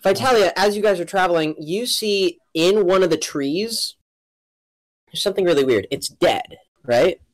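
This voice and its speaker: A woman's voice: lowish voice, expressive, low-quality recording. Conversational woman running a tabletop game. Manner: halting, conversational, thinks aloud. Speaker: game master. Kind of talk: casual tabletop game narration.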